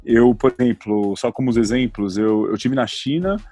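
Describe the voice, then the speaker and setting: A man's voice: medium pitch, moderate pace, dark tone, no room sound, soft background music. Hesitant São Paulo man in his forties. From Brazil (São Paulo). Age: 40s. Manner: hesitant, many restarts and fillers. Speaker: guest traveler. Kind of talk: casual interview talk.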